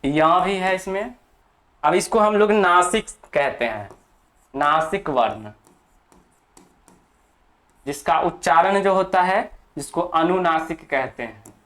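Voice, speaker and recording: This teacher's voice is mid-range, expressive and a bit bright. In a slow, deliberate grammar lesson aimed at exam students, the teacher dictates for notes, repeats important terms, and keeps checking in with the class.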